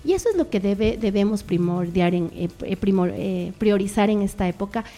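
A woman's voice: mid-range voice, moderate pace, dark tone. A middle-aged woman, a guest on a radio talk show, telling reflective stories with many fillers.

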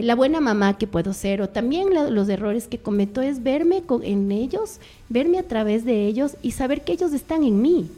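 A woman's voice: medium pitch, dark tone. A middle-aged woman, a guest on a radio talk show, telling reflective stories with many fillers.

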